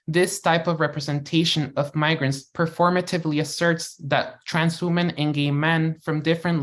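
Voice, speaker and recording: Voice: medium pitch, fairly bright tone. Speaker reading a formal academic paper. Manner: measured, formal delivery. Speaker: panel speaker. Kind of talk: reading a prepared academic talk.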